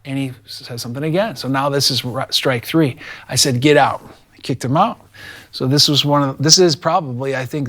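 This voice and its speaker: A middle-aged male teacher recounts a classroom story in a conversational interview. He talks casually and slips into the voices of the people in his story as he goes. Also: mid-range voice. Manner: animated, acts out quoted dialogue.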